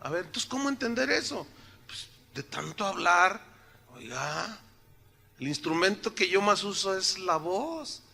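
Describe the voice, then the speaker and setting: With a high, sing-song, bright voice carrying vocal fry, a breathy edge and a forceful tone, an older male pastor preaches at a measured pace in a church sanctuary. The sermon is joking and conversational, packed with rhetorical questions for the congregation, and his throat is slightly sore.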